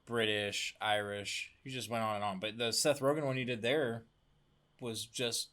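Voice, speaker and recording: A man's voice: medium pitch, steady tone, moderate pace, bright, forceful tone. A young man co-hosting a casual podcast chat, a bit buzzed and rambling. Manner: tipsy and rambling. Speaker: podcast co-host.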